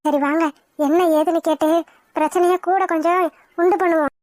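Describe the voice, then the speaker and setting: Squeaky, very high cartoon mom, weepy and wailing, as a woman voices her, dry booth sound. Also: steady tone, a little fast, a little mellow, no echo. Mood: scheming. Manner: tearful, wailing lament. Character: fretful middle-aged mother of a runaway bride. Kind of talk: animated cartoon voice acting.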